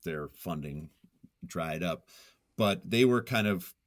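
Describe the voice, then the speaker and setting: Speaking slowly yet with animation, a nonfiction writer with a deep voice reflects as an interview guest. He's thoughtful and self-effacing, often hesitating as he searches his way through a sentence.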